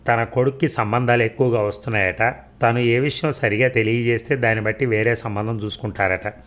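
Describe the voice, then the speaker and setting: Guy narrating a short story, steady measured read. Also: medium pitch.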